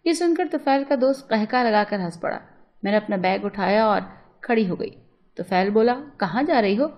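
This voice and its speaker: A woman narrating a scripted first-person story in a steady, emotive storytelling manner. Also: medium pitch, normal speed, lo-fi sound.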